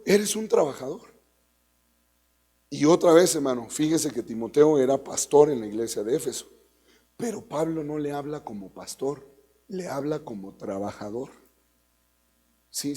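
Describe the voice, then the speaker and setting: A man's voice: on the high side, warm tone. A man with a Mexican accent preaching a teaching sermon as pastor, emphatic and conversational, repeating key phrases and asking the congregation rhetorical questions. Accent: Mexican Spanish. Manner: conversational, addresses listeners as brother.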